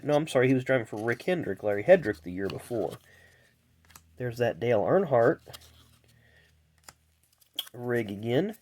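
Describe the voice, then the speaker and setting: Male video host, medium pitch, congested and nasal from blocked sinuses, chatty off-the-cuff commentary. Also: darkish tone, a little hiss or hum. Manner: chatty, reels off names then adds asides. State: stuffed-up sinuses. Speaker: host of a racing trading card pack-opening video. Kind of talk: casual rambling commentary.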